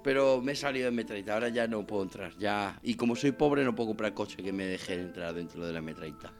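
A man with a Spain Spanish accent, co-hosting a casual comedic podcast, telling stories that swing from muttered asides to shouts. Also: on the low side, quick pace, vocal fry, music in the background. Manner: storytelling with big swings from mumbling asides to shouting. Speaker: podcast co-host.

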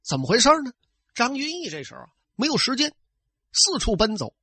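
A man spins an old tale in traditional storytelling style, his high, bright voice leaping about as he chats to his listeners. There is a husky grain to it. The sound is dry and close. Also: fairly quick, no room sound. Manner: lively, conversational, addressing listeners.

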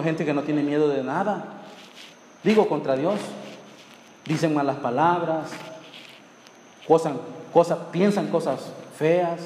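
Brief: male pastor, emphatic drawn-out sermon, long hall reverb, faint room noise. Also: a little high, darkish tone. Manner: emphatic, drawn-out preaching with colloquial asides.

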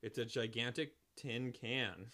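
A man's voice: mid-range voice, a little slow, bright, forceful tone. A man hosting a comedy podcast who reads a gamebook aloud, delivering the narration dryly while the others joke. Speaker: host reading a gamebook aloud.

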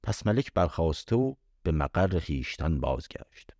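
A man reading an old tale aloud as storyteller, in measured old-style narration with an occasional casual aside. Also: sits low, sing-song, darkish tone, no echo, studio quality. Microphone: home voice-message recording.

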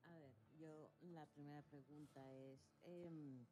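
A woman's voice: deep voice, fairly even intonation, slow, warm tone, husky. A woman speaking as a talk-show guest, her voice very faint and distant, as if she is far from her mic or device, hesitantly checking whether she can be heard. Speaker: guest panelist. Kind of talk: casual online talk-show discussion. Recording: faint distant voice on an online call.

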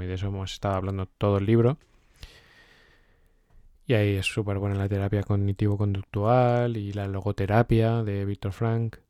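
A man hosting a casual chat about a book, telling anecdotes with lively quoted asides. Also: lowish voice, dry recording, studio quality. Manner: animated, storytelling with quoted asides.

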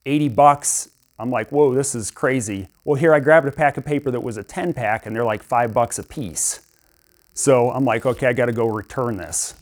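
Young guy preaching casual-like, chatty storytelling, lots of restarts, mid-pitch voice. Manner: conversational, storytelling, many restarts. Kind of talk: informal sermon.

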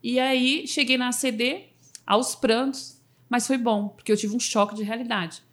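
This woman speaks at a moderate pace in a fairly high, slightly bright voice with fairly even intonation. A motivational speaker on a casual podcast, she tells a personal story emotionally, restarting often and saying things like "sabe assim."

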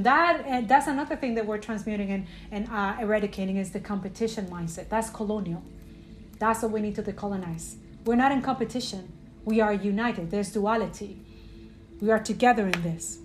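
A woman hosting a spiritual podcast, talking earnestly and rambling with many fillers and restarts, often tagging her points with "right?". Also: medium pitch. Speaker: podcast host.

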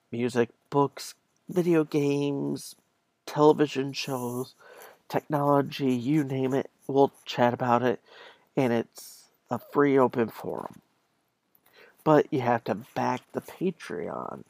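Speaking directly to his audience, a solo podcast host keeps things casual and conversational. He has a mid-range, slightly mellow voice with some creak, takes his time, and there's no echo.

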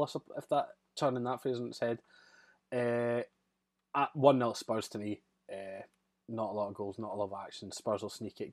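Male podcast host, dry and downbeat, mid-pitched voice, chatty football talk. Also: darkish tone. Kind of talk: casual football chat.

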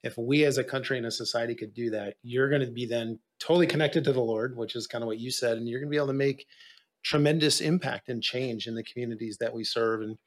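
A man's voice: mid-range voice, quick pace. A man hosting a podcast, affirming his guests and encouraging listeners in a preacher-like way. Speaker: podcast host. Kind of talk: casual podcast conversation.

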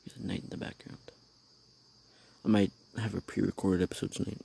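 Man, casual slangy host, gravelly fry, low voice, outdoors at night, rambling storytelling. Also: level tone, a little fast, mellow. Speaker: podcast host.

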